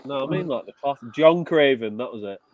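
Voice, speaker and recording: A man's voice: medium pitch, expressive, brisk, slight background noise. A man chatting casually on a podcast, joking and slipping into playful put-on accents.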